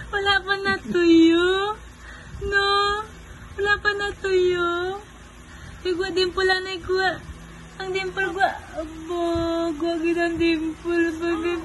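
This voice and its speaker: A woman, coaxing a baby in soft baby talk that mixes English with her own language. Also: very high-pitched, flat delivery, drawn-out words, pauses often, a little hiss or hum, rough recording. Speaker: caregiver talking to a baby.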